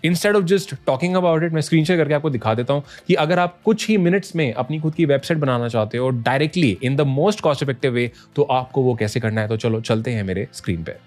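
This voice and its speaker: A man's voice: medium pitch, normal speed, hardly any pauses, a little mellow. A man in a casual, conversational explainer style, mixing English phrases into his talk and checking in with listeners often. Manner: conversational, mixes English phrases, frequent "thik hai?" check-ins. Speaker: online business educator.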